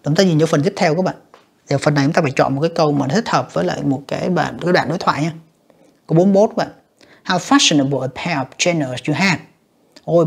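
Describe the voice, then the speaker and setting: Gravelly, husky teacher. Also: mid-range voice. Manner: reads each English option, then translates and judges it, often addressing "các bạn". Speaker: English teacher. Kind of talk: exam review lesson.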